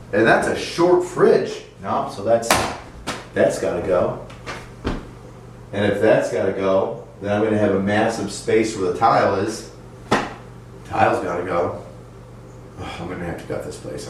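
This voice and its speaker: A man's voice: fairly low pitch, expressive, measured pace, pauses often, noisy background. A man giving a casual, sarcastic and profane walkthrough of a run-down house he is renovating. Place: empty house interior. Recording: echoey bare rooms, mic at a distance.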